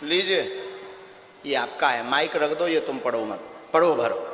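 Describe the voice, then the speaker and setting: A man preaching from a stage who scolds and commands, swinging between loud declarations and low muttering. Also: animated, measured pace, echoey room, big-room sound. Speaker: spiritual preacher holding court. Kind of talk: stage exchange before a crowd. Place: large hall with a stage.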